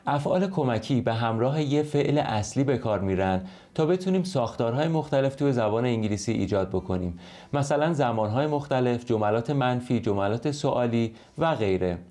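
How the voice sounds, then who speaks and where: Male language teacher at home. Patient explainer who slows right down for the English examples, with a mid-range voice. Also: mid-range voice, expressive, mellow. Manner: explains in Persian, reads English examples slowly and carefully. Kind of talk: online language lesson. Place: home recording.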